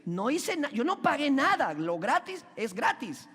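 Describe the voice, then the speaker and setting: A male pastor with a strikingly high voice preaches in a church. He quizzes the congregation and urges them to shout their answers, and he lingers on key words for emphasis. Long reverb rings around his voice. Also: very animated, measured pace. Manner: questions the congregation and asks them to call out answers. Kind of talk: preaching a sermon. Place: church sanctuary.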